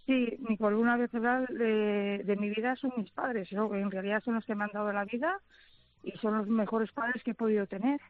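A woman calling in to a radio show, speaking in a halting, heartfelt way and sounding close to tears. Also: a little high, fairly even intonation. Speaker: radio caller. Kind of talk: emotional phone call to a radio show. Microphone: phone. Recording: tinny phone line.

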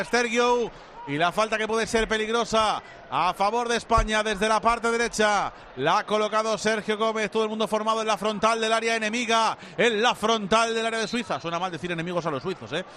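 A man giving live football commentary in rapid, flowing play-by-play. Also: sits high, steady tone, bright, forceful tone, a little hiss or hum.

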